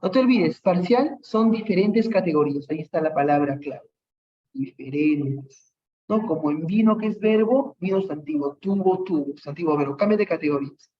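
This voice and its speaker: Teacher, Peruvian accent, patient, repeats examples, frequent tag questions, medium pitch, muffled lo-fi audio. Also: brisk. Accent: Peruvian Spanish. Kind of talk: online class lesson.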